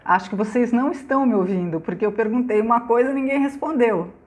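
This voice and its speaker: A middle-aged Brazilian woman hosting a casual live stream from her phone, loud and chatty, greeting viewers by name and laughing often. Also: fairly high pitch. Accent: Brazilian Portuguese. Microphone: phone on laptop.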